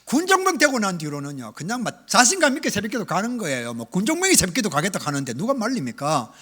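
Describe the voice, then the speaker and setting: A middle-aged male pastor preaching a revival sermon, telling his own story with big swings between loud and hushed. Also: high-pitched, huge pitch swings, fast talker. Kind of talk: revival sermon with personal testimony. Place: church sanctuary.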